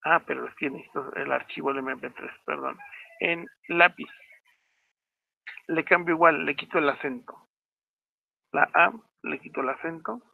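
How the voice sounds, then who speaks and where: A man's voice: fairly high pitch, fairly even intonation, moderate pace, creaky, pauses often, dry recording. Tinny-sounding man giving a step-by-step tutorial. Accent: Mexican Spanish. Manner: step-by-step, checks in with frequent "¿sí?". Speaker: teacher. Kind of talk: screencast programming tutorial. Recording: tinny phone-like audio, dry.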